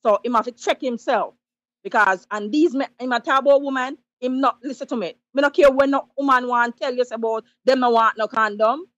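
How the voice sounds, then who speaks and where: A Jamaican woman phones in to a talk show and lays down firm advice, slipping into patois as she preaches. Her voice sits on the higher side and sounds dry and close. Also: fairly quick, a bit bright, dry recording, highs cut off. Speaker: caller. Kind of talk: call-in radio commentary.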